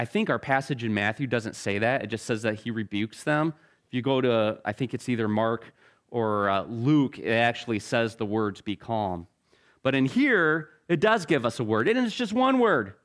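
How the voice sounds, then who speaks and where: A middle-aged male pastor preaching a sermon in a casual, conversational way, joking about himself and often repeating words as he restarts phrases. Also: mid-range voice. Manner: casual, conversational preaching with self-deprecating humor.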